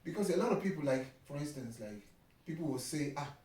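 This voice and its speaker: A Nigerian man with a Nigerian accent speaks casually as an interview guest about marriage, explaining things and often checking that he's understood. His voice is a little high, expressive and fairly quick, with a darkish tone. The recording has an echoey room, a distant mic and faint noise.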